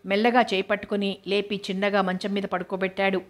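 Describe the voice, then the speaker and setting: A woman reading a novel aloud, narrating in a steady, even way. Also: medium pitch, fast talker. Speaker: novel reader.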